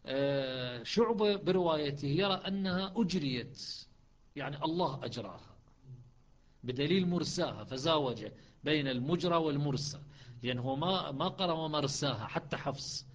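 A man with a fairly high voice teaches the differences between recitation readings. He explains methodically and patiently, pausing and restarting as he works through each point. The recording sounds dull and lo-fi. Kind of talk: explanatory lesson on recitation variants.

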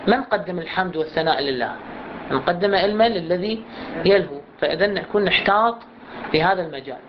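A woman with an Iraqi Arabic accent teaching Quran recitation in a class, explaining patiently and saying words slowly for students to repeat. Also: fairly low pitch. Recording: muffled recording with steady background noise.

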